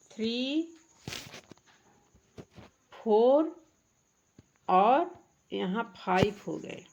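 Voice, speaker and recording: A woman teacher talks a class through a workbook lesson. She speaks slowly in a slightly high voice. She asks the children questions and answers them herself, patiently. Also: gravelly, highs cut off, slight background noise.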